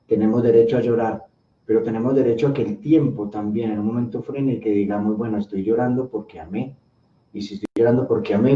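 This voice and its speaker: A male host giving calm, reflective commentary. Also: mid-range voice. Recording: echoey, distant, dull sound.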